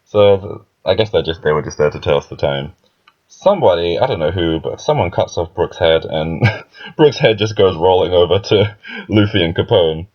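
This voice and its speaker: A man's voice: sits low, animated, normal speed. A young man casually reviewing a comic chapter, rambling with frequent fillers and laughs. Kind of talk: casual commentary. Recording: dull lo-fi recording.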